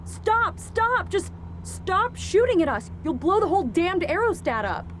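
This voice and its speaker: A woman playing a defiant, frightened, hot-tempered young woman on the run in a video game, shouting combatively. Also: very high voice, big pitch swings, measured pace, slight background noise, heavily acted. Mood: panicked.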